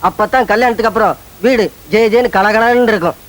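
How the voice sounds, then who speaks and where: A man's voice: high-pitched, a little fast, a bit bright. An actor playing a rich old father, once a wrestler, who laments comically in a Tamil film. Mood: lamenting. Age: older. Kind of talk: Tamil film comedy acting.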